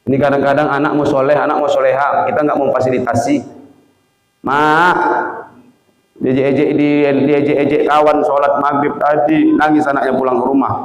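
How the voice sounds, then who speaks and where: A man from Asahan with an Asahan Malay accent, preaching a humorous sermon and telling lively stories that leap up high for emphasis. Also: quick pace, few pauses. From Asahan, North Sumatra, Indonesia. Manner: animated storytelling, jumps to high pitch for emphasis. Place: mosque. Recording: echoey mosque hall with long reverb.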